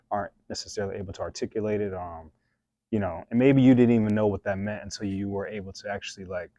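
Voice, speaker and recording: A man's voice: lowish voice, dark tone, dry recording, lo-fi sound. A man hosting an interview, asking long, laid-back, rambling questions with fillers. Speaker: host. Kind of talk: casual interview.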